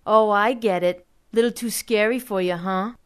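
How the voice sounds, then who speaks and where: A woman's voice: mid-range voice, steady tone, normal speed, smooth, lightly acted. A woman voicing a smug boy who teases and mocks, in a storybook reading. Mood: mocking. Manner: mocking and teasing.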